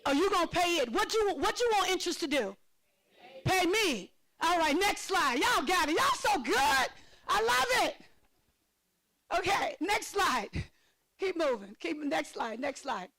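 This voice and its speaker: Very high-voiced excitable woman presenter. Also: measured pace, low-quality recording. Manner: lively, calls on audience members by name; excitable, laughs often. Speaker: financial literacy workshop presenter. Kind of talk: interactive workshop teaching.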